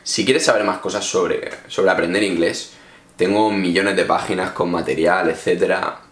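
A man's voice: sits low, steady tone, moderate pace, echoey room. A man from Spain giving casual, direct advice to viewers in a chatty vlog. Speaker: English teacher vlogger. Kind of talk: casual advice talk to camera.

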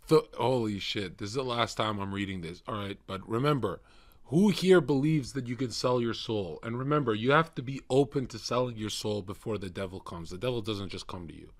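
A young man with a lisp streaming casually, reading slowly and halting, often breaking into giggles. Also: on the low side. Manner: slow, halting reading with frequent giggling fits. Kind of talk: casual livestream reading and chat.

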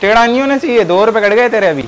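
A man with a Pakistani Urdu accent posing as a bossy barber in a salon prank, scolding and mock-apologizing in loud comic banter. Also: sits high, racing, slight background noise. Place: busy barber salon indoors.

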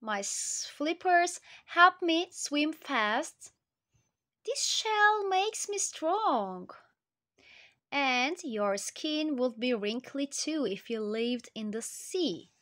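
Gentle friendly turtle guy from a kids storybook, woman reading, high slow voice. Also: exaggerated voice. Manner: calm, friendly, reassuring. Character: gentle kindly male sea turtle. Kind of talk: storybook read-aloud.

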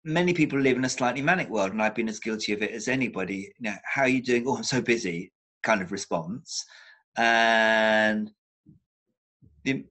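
An older man, appearing as a psychotherapist guest on a video call from a room in his home, speaks thoughtfully, often restarting and repeating words for emphasis. His voice sits on the low side, moves at a moderate pace, and sounds pushed and bright. The reflective interview is picked up by a laptop webcam.

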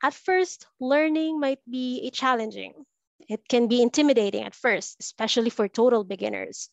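A Filipino woman hosts an online language webinar over a video call, sounding upbeat, welcoming and somewhat scripted. Her voice sits on the high side with a creaky quality and a normal speed. The video call audio is muffled but has no echo.

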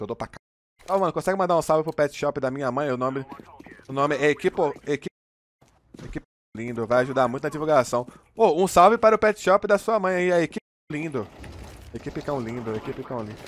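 Fast-talking Brazilian streamer man. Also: a little high. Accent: Brazilian Portuguese. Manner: energetic, slangy, addresses viewers as a crew. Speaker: game streamer. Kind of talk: live gameplay commentary and coaching.

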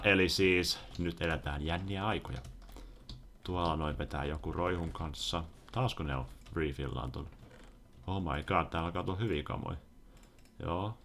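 A young man giving excitable, casual commentary over his own gameplay, sometimes yelping when startled. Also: deep voice. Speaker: gaming video host.

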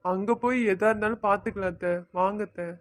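A woman's voice: mid-range voice, steady tone, fast talker, heavy background noise, natural voice. A woman plays a loyal young son-in-law in a family cartoon. He speaks earnestly and soothingly in a plain mid-range voice. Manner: earnest reassuring pleas.

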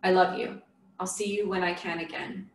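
A gentle, loving mother speaks softly on the phone, as a woman reads her lines. The voice is soft and reassuring. It sounds roomy and distant, with a faint hiss. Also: on the low side, level tone, moderate pace, lightly acted. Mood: tender. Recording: echoey room from a distant mic.

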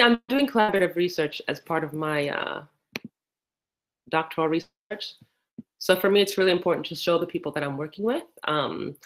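A woman in her thirties from the United States, giving a casual, thoughtful research talk over a laptop video call with frequent fillers. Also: on the low side. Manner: conversational, thoughtful, many fillers. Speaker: PhD candidate presenting research. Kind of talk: casual online presentation. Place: indoor room.

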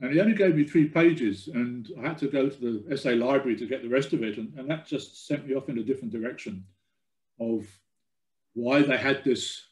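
An older man gives an informal talk with a hesitant, halting delivery. His voice sits at a middle pitch, and the room around him echoes clearly, as on a video call from home. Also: darkish tone. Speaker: guest lecturer. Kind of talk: informal slide lecture.

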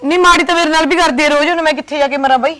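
A woman's voice: sits high, steady tone, rapid-fire, sharp tone. A woman playing a gossipy daughter-in-law who talks a neighbour round. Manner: persuasive, chatty, gossiping about her mother-in-law. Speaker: daughter-in-law in a comedy sketch. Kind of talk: comic village drama.

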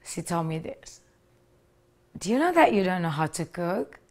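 With a lowish voice, big pitch swings and a normal speaking speed, a woman in her thirties from Indonesia earnestly shares her story to camera. Her speech carries an Indonesian accent and small grammar slips. She sits indoors in a living room with a leather sofa, using a lapel mic.

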